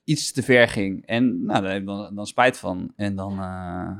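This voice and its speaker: A man's voice: fairly low pitch, measured pace, gravelly, fairly bright tone. A man hosting a podcast, talking reflectively and a bit hesitantly in casual chat. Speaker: podcast host.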